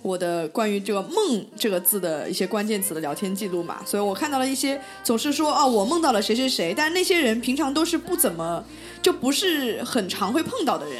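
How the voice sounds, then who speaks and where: Higher-pitched woman hosting a casual chat. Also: expressive, fast talker, faint music behind. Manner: reflective storyteller who poses questions to the group.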